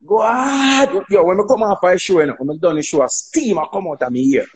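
A man with a Jamaican accent chatting on a phone livestream, telling animated stories, laughing and acting out dialogue. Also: fairly high pitch, fast. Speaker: dancehall artist on a live stream. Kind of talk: casual chat on a livestream.

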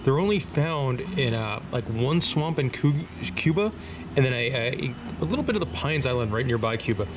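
A man casually narrating a walk through a zoo, pointing out animals in a relaxed, chatty way. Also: medium pitch, moderate pace. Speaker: zoo tour vlogger. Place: outdoor zoo walkways. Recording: outdoor noise around camera mic.

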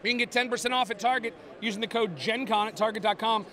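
A man giving a playful, animated board game demo at a busy convention, joking with the interviewer as he explains the rules. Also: sits high, fast talker. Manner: playful, animated, jokey salesman. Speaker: board game publisher representative.

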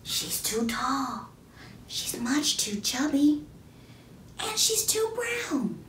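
A woman voicing unkind, judgmental schoolchildren in a slow, hushed storybook read-aloud. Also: high-pitched, very animated, voice pushed up, exaggerated voice. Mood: catty, hushed. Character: whispering, unkind schoolchildren doubting a classmate. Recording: roomy, distant mic, faint background noise.

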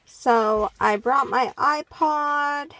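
A woman's voice: high voice, extremely slow, pushed and bright. A young woman from Canada chatting in a rambling, casual video diary, often saying "like". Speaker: vlogger.

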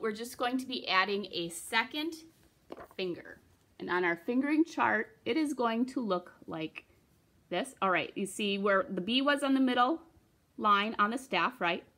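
A woman's voice: mid-range voice, animated, normal speed, a bit bright. A young woman giving a recorder lesson for children, patiently explaining and encouraging, counting her students in. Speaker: music teacher.

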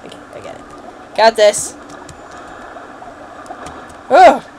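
A woman's voice: on the high side, animated, slow, a little mellow, low-quality recording. Girl narrating her gameplay, chatty and jokey, lots of hiss behind her. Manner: chatty, jokey, exclaims and mutters to herself. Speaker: let's play gamer. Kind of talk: casual gameplay commentary.

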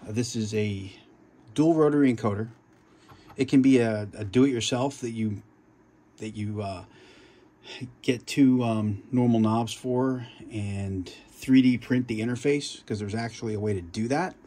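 A man's voice: mid-range voice, moderate pace, warm tone. Rambling man touring his sim cockpit. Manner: rambling, with many fillers and restarts. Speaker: flight sim hobbyist showing his home cockpit. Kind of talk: casual show-and-tell walkthrough.

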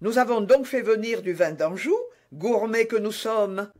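A man's voice: high-pitched, unhurried, darkish tone, pitched above the performer's own voice. Porthos, read by a man, hearty and jovial.

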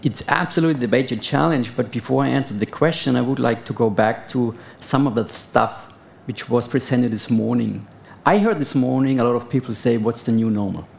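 A man's voice: mid-range voice, a little fast, gravelly, darkish tone. A man in his fifties, a procurement executive, speaking emphatically on a conference panel with a lapel mic. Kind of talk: panel discussion answer. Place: conference stage, indoors.

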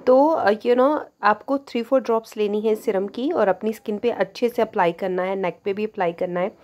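A woman in her thirties with an Indian English accent talks straight into a camera in a small indoor room. She switches freely between Hindi and English, filling pauses with "you know", in a relaxed, chatty review tone. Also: mid-range voice. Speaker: beauty vlogger. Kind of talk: product review vlog.

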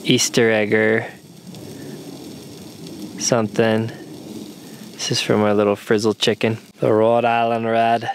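A man in his thirties narrating a casual camping vlog outdoors, explaining his gear in a relaxed, easygoing way. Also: on the low side, slow, pauses often, a little hiss or hum. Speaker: camping vlogger. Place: outdoors at a mountain campsite.

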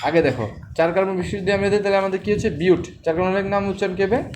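Speaking rapid-fire in a high voice, a male chemistry tutor runs his class by repeatedly questioning students and restating their answers. The screen-recorded lesson has a lot of noise.

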